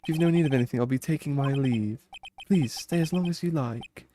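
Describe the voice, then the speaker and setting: A man's voice: mid-range voice, brisk, background noise, close to an everyday voice. A man voicing a chirpy, polite, old-fashioned hotel bellboy from a video game, formal and deferential.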